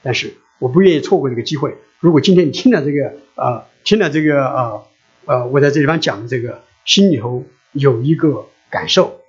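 A middle-aged man preaches a sermon, earnestly repeating his appeal to listeners before an altar call and leading a prayer. His mid-range voice is fairly quick, captured on a dull lo-fi recording.

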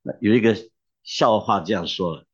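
Husky low-voiced male preacher. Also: moderate pace, highs cut off. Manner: emphatic, exhorting, with humorous storytelling. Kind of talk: sermon.

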